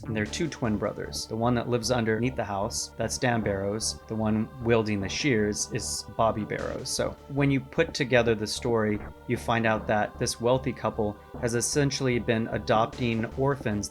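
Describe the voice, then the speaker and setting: Male host, lower register, relaxed video-essay delivery with chatty asides. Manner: conversational, explains step by step with asides. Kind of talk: casual video essay narration.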